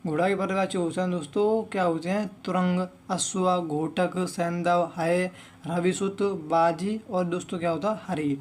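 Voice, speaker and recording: A young man teaching an online Hindi exam-prep lesson, reading word lists slowly and often saying "okay, friends". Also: high voice, slight background noise. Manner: reads word lists slowly, one word at a time.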